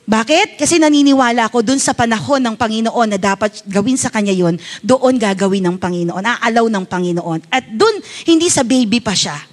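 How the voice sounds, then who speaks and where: A Filipino woman pastor delivers a sermon in a high, light voice. She speaks politely and tells a personal story as a mother, often turning to her congregation for an amen or a nod of agreement. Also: lively intonation, brisk. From Philippines.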